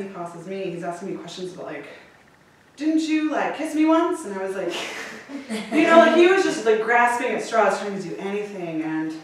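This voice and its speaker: Before a live audience, a woman with a mid-range voice shares a personal story candidly, swearing freely and laughing often. She's captured from a distance in an echoey room, with slight background noise.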